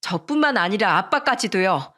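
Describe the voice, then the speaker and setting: A woman voicing a determined young woman in a radio story, speaking firmly and calmly as she defies her mother. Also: medium pitch. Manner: firm, calm, deliberate.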